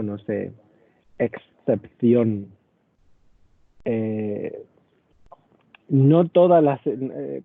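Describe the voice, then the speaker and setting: A man's voice: medium pitch, no echo. A man from Argentina, a paleography teacher giving an online lecture in a patient, explanatory way and speaking directly to his students. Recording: dry, tinny phone-like audio.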